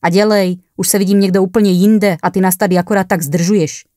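A woman's voice: medium pitch, steady tone, warm tone, no echo, studio quality, lightly acted. A woman voicing a rude, impatient young male paramedic who barks orders and mocks in coarse slang, in a horror story reading. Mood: mocking, impatient.

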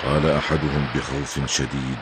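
An older man narrating a story as a grandfather, in a measured, solemn way. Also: rumbling low, little pitch movement, very noisy.

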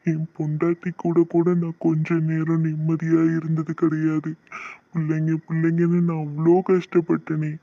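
A lonely old widowed grandfather, voiced by a man for a cartoon, speaking in a sorrowful, pleading way. His voice sits a little high and stays flat, with little rise and fall. It comes through a dull, lo-fi, dry recording. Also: normal speed, no room sound, natural voice. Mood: grieving. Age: older.

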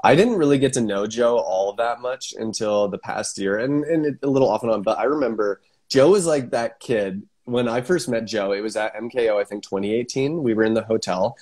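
A man's voice: medium pitch, a little fast, hardly any pauses, darkish tone. A man hosting a casual live interview, talking in a laid-back, enthusiastic way with lots of fillers. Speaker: podcast host.

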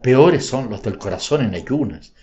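A man's voice: mid-range voice, animated, unhurried, mellow, muffled recording. A man reading a bitter, sarcastic father. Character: stern troubled father, middle-aged man.

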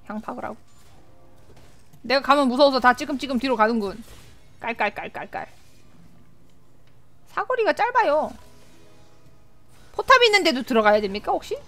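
High-pitched excitable woman streamer. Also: normal speed, pauses often, soft background music. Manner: excitable, repeats words in bursts, frequent laughter. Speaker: game streamer. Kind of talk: live gameplay commentary.

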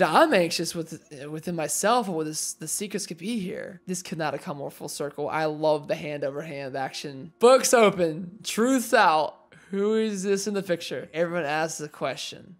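A man in his twenties, with a voice on the high side, records casual reaction commentary on an anime episode through a headset in a small room at home. He gets excitable, exclaiming, laughing and reading the subtitles out loud.

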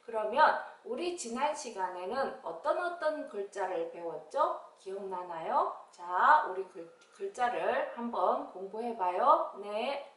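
A woman teacher leading an English lesson for young children, with a sing-song manner and big pitch jumps on the English words. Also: expressive, a little slow, a bit bright, reverberant, distant mic.

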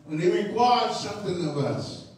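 A man's voice: sits high, expressive, a little mellow. A man, a bishop, teaching a midweek Bible study sermon in a church, drawing out his phrases and calling out to the congregation for responses. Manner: unhurried, drawn-out phrases with call-and-response to the congregation. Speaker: bishop preaching. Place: church sanctuary. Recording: echoey church hall from far off.

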